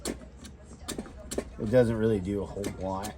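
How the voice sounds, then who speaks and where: An outdoor vlogger demonstrating fire starting rambles casually in a low voice, tipsy and loose with drinking talk. He keeps a steady tone and slow pace, self-deprecating and salty-tongued, against a noisy background.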